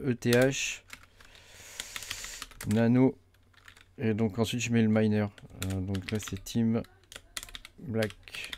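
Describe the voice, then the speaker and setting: Hesitant man explaining software. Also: on the low side, slight background noise. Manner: hesitant, many fillers, thinks aloud while clicking. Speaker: crypto mining tutorial host. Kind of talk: casual screen-recorded tutorial.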